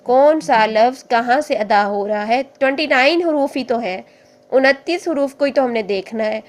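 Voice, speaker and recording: Patient woman Quran teacher, fairly high voice. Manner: patient, explains step by step, demonstrates sounds slowly. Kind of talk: online Quran class.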